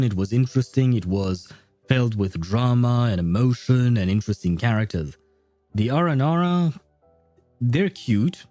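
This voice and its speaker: Faint game music plays as a non-native English speaker casually talks with viewers on his gameplay livestream, polite, hesitant, and prone to rambling. He has a warm, mid-range voice with no room sound.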